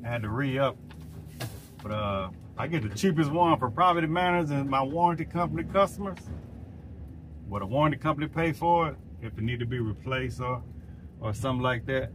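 Man, plain mid-pitched voice, easy casual vlog talk, noisy phone recording. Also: brisk, fairly bright tone. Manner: casual, addresses viewers as folks. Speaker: HVAC technician vlogger. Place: on the go, store and truck.

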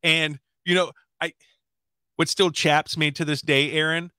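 A man's voice: a little high, level tone, unhurried, sharp tone, clean tone, dry recording. A man in his forties hosting a casual sports interview in an upbeat, emphatic way, close on the microphone. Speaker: sports show host, interviewer. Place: indoors, streaming setup.

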